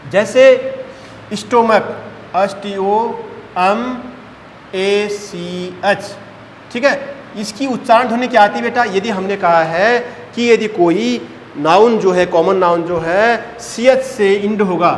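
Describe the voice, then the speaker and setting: A male teacher with a fairly high voice and drills a class through grammar rules. He keeps asking and answering his own questions, calling the students beta. The sound is a roomy classroom with a long reverb tail and faint background noise. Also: measured pace.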